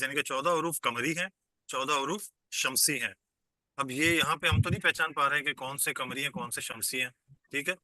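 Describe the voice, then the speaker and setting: A man's voice: mid-range voice, bright, forceful tone, no room sound. A man teaching an online class, explaining patiently step by step and quizzing his students as he goes, heard over a video call.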